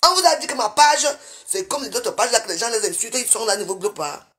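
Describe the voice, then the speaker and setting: A combative woman rants live at her viewers. She talks into a phone in her bedroom, alternately loud and scolding, then dropping to low mutters. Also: animated, fast talker. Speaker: livestreamer. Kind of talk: live video rant at viewers.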